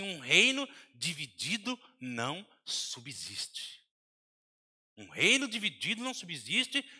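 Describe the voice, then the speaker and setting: A man with a Brazilian Portuguese accent preaching a sermon in a large church hall, breaking into sudden shouts between softer asides. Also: sits high, breathy edge. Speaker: pastor. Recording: long hall reverb.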